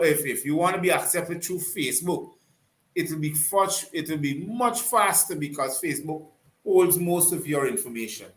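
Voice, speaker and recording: A man hosting a live online call-in talk show, courteous and unhurried, often trailing off and restarting. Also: on the high side, a bit bright. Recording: roomy echo.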